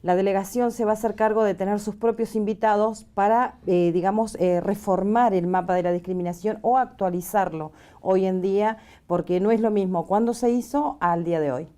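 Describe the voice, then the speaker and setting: A woman speaks as a guest on a panel. Her voice is warm and mid-pitched. She hesitates often and fills her pauses. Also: fairly even intonation. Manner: hesitant, many filler pauses. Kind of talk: panel discussion.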